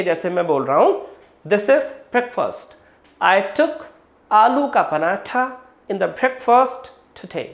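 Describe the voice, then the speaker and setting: A man teaching English pronunciation in a spoken lesson, drawing out example words slowly and quizzing listeners with repeated questions. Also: sits high, reverberant. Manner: slow, drawn-out demonstrations of each word.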